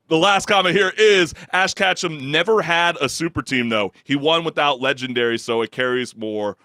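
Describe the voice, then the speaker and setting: A young adult man co-hosts a gaming talk show, reading viewer comments aloud and laughing often in casual chat. His low baritone sometimes squeaks when he gets excited, and he speaks at a moderate pace with no room sound.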